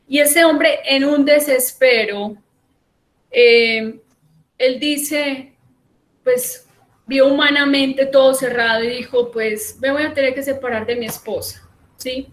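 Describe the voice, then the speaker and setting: A woman's voice: high voice, steady tone, slow pace, roomy sound. A woman teaching a class on faith, retelling stories with quoted voices and often checking in with the listener.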